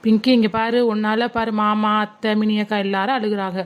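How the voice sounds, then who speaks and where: A woman playing an adult female relative who calmly reassures a crying girl. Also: medium pitch, brisk, clear, resonant tone, muffled recording, natural voice. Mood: reassuring. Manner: reassuring, gently persuasive.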